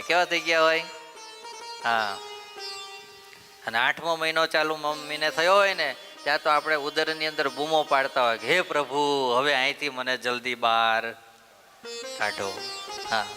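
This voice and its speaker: A man with a Gujarati accent tells a devotional story to his audience in a temple hall. His voice sits a little high and rings very bright. He keeps throwing questions at his listeners and answering them, over a long reverb and faint instrumental music. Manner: asks the audience questions and answers them himself, playful teaching tone. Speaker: preacher telling a religious story.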